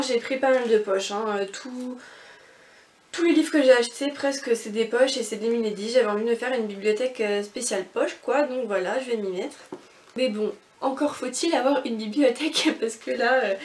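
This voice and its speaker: A young woman rambles cheerfully through a casual book haul, her speech full of fillers and restarts. Her voice sits on the high side. She sounds set back from the mic in a room with a lot of echo. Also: a little hiss or hum. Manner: chatty, rambling, many fillers. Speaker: book vlogger. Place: bedroom with bookshelf and mirror. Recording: echoey room, from far off the mic.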